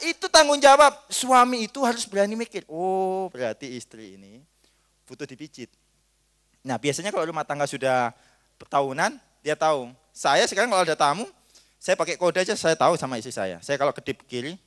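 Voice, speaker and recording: Lively, animated preaching man. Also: a little high, brisk. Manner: jokey and animated, acts out little scenes. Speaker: pastor. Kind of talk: lively seminar sermon.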